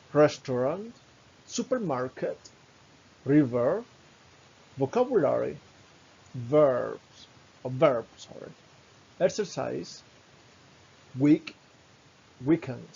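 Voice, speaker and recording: A man with a Venezuelan Spanish accent teaching an English lesson, slowly modeling each phrase with a husky voice. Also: medium pitch, warm tone, dull audio. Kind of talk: recorded online lesson.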